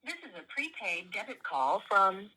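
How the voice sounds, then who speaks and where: A woman's voice: medium pitch, very animated, moderate pace, sharp tone, slightly rough. A recorded woman's voice on a prison phone system, reading call announcements in a formal, clipped way. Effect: recorded prison phone system message.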